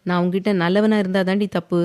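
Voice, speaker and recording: A woman's voice: mid-range voice, level tone, fast, darkish tone, clean tone, lightly acted. A woman reading a stern teasing young husband. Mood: firm, tender.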